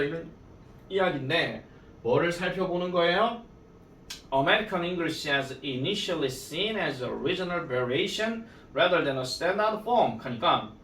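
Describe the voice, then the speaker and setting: A man teaching an English grammar lesson at a cram school. He talks casually and jokes, and reads the English lines out slowly. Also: on the high side, a bit bright, slight background noise. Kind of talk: classroom grammar lecture. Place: classroom. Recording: echoey classroom from far off.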